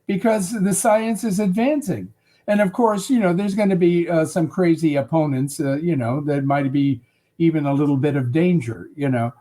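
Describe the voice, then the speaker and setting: A man in his eighties answering interview questions in a halting way, full of filler sounds and restarts. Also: on the high side, mellow. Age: 80s. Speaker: interview guest.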